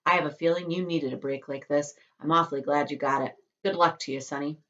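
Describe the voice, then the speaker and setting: A woman's voice: deep voice, fairly even intonation, fast, a bit bright, highs cut off. A woman voicing a fat male shopkeeper, brusque yet kindly and protective.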